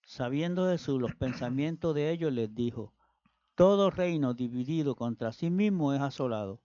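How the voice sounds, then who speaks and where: A man reading Bible passages aloud in a steady, measured way. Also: medium pitch, dry recording, dull audio. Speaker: scripture reader.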